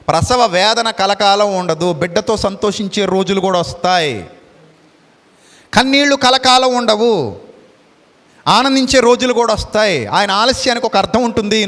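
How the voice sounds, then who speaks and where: A man's voice: high-pitched, a bit bright, big-room sound. A man preaching a sermon, emphatic and repetitive, reading scripture and mixing in English words. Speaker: pastor. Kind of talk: Telugu sermon with Bible reading.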